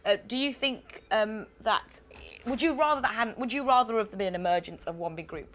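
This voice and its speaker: A woman's voice: fairly high pitch, fairly quick, a bit bright. A woman hosting a casual celebrity interview, chatty and bubbly with lots of ums. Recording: faint background noise.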